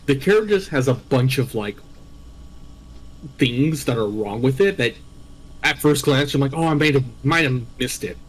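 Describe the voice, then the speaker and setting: A man's voice: mid-range voice, poor audio. Rambling laid-back male game host. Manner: rambling, laughing, self-correcting storyteller. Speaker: host recapping game villains. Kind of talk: casual chat.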